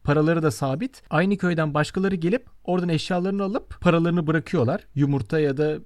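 A man's voice: a little high, brisk, darkish tone, no room sound, studio quality. A man in his twenties from Turkey hosting a casual podcast chat, choosing his words with care. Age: 20s. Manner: careful word choice. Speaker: podcast host.

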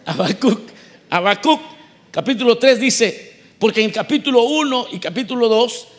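A man preaching with a high, light voice. He talks to his congregation in a conversational way, keeps asking them questions and acts out the voices he quotes. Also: expressive, normal speed, in a large hall. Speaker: pastor. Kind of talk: sermon.

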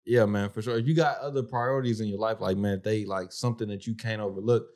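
A man's voice: on the low side, steady tone, quick pace, darkish tone. A man co-hosting a podcast in casual, colloquial chat, addressing his friend like a buddy. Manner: colloquial, peppers speech with "bro" and "man". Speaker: podcast co-host.

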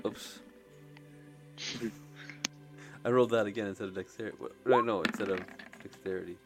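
A man's voice: on the low side, fairly even intonation, moderate pace, music in the background. A man playing a tabletop game, correcting himself as he talks about his rolls. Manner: fumbling, self-correcting. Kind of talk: casual game chat.

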